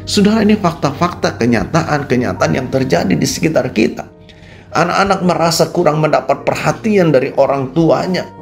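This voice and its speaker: A man with an Indonesian accent preaching a radio sermon. He talks straight to his listeners and swings between low quiet asides and raised, emphatic peaks. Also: fairly quick, creaky, faint music behind. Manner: addresses listeners as "Saudara" constantly. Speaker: pastor. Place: radio studio.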